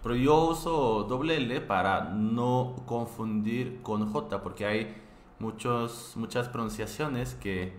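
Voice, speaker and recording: A man from Korea, teaching a live online language class, patiently repeating words with frequent restarts and fillers. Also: mid-range voice. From South Korea. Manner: patient, repeats each word slowly several times. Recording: echoey room with faint background noise.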